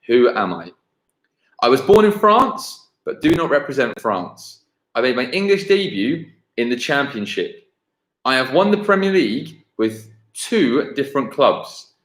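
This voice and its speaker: Hosting a football quiz on a livestream, a man speaks in a mid-range, somewhat bright voice. The audio is echoey and roomy, as from home, and he goes over each question slowly and clearly while chatting casually with the audience.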